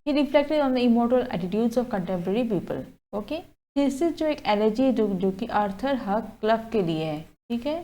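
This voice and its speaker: Indian woman, exam tutor. Unhurried, fairly high voice, keeps checking students follow. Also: animated, dark tone. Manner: explains slowly, keeps checking in with "ठीक है?". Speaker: teacher. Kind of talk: exam-prep lecture mixing Hindi and English. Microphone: lapel mic.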